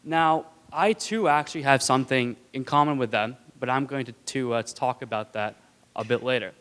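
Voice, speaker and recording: A student speaker from India, a man in his twenties, gives an earnest talk on an auditorium stage, stuttering audibly on words and sounds while slipping in light jokes for the audience. His voice is medium-pitched, clean and a bit bright at a normal speed, with long hall reverb in the recording.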